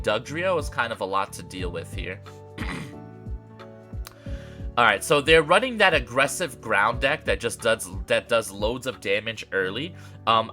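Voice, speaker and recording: Lively nasal young man commenting. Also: medium pitch. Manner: chatty, frequent "um" and throat clearing. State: congested, nasal from allergies. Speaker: gaming creator. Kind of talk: casual gameplay commentary.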